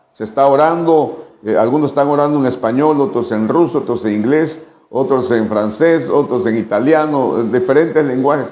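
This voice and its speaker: A man's voice: mid-range voice, warm tone, roomy sound. A man with a Mexican Spanish accent preaching a midweek sermon as pastor, asking rhetorical questions and repeating phrases for emphasis.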